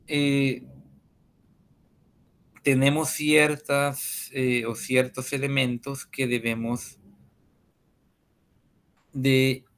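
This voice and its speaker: A man tutoring a coding class over a screen share, talking slowly with many pauses and fillers. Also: mid-range voice, fairly bright tone. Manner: slow and hesitant, many fillers.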